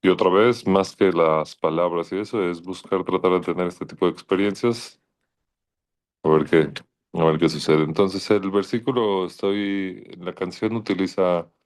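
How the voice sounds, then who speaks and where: A man's voice: low-pitched, fairly even intonation, moderate pace. A man giving an informal Torah lesson, thoughtful and searching, often restarting his sentences. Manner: thoughtful, searching, with frequent restarts and quoted Hebrew verses.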